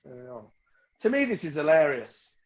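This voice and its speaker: A man's voice: fairly high pitch, very animated, a little slow, lo-fi sound. A man in his forties doing a crude, self-mocking stand-up set, rambling and laughing at his own jokes. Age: 40s. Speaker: stand-up comedian. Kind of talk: stand-up set over a video call.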